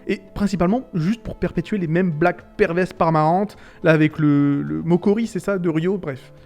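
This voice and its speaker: A man's voice: high-pitched, normal speed, darkish tone, faint music behind. A man hosting a casual video essay, ranting animatedly about fiction tropes and swearing freely.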